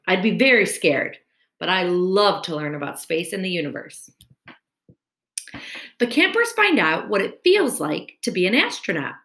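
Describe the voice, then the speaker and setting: A woman in her thirties reads a children's storybook aloud in an expressive, teacher-like way aimed at young children, with a mid-range voice. She's in a room at home, recorded on a computer mic at webcam distance for a screen-recorded webcam video, and the sound is roomy and echoey.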